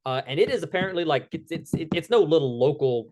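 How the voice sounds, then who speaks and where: A man's voice: on the high side, lively intonation, fast talker, a little mellow. A man co-hosting a podcast in casual chat, often stumbling and repeating words as he starts his sentences. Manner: stammering restarts, agreeable backchannels. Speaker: podcast co-host.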